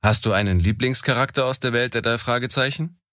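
A man's voice: medium pitch, fast talker, fairly bright tone, no echo, clean studio sound. A man working as an interviewer, asking plainly phrased questions.

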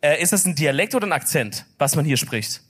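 A man's voice: fairly high pitch, lively intonation, a little fast, fairly bright tone. A young man with a Swabian accent, co-hosting a live comedy podcast on stage with joking, slangy banter. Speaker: podcast co-host. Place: stage before a live audience.

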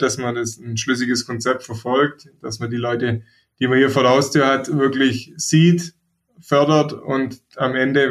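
Gravelly, even-toned man. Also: mid-range voice. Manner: measured, reflective, frequent hesitations. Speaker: podcast co-host, football pundit. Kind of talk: casual discussion.

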